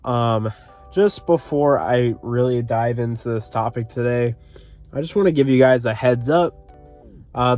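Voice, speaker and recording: On his own channel, a young man with a congested, sniffly voice chats about football in casual solo commentary, rambling with fillers and restarts. His voice is medium-pitched and a little mellow.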